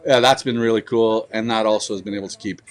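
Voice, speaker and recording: A man's voice: lowish voice, fairly even intonation, quick pace. A man speaking as an interview guest, earnest and pleading, laughing often. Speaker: festival promoter guest. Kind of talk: casual interview chat.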